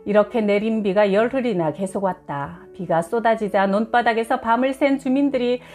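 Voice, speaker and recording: Woman reading aloud over soft music. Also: a little high, normal speed. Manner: earnest, emotive reading that lifts for quoted prayers. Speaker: publisher reading a book aloud. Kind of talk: audiobook reading of a memoir.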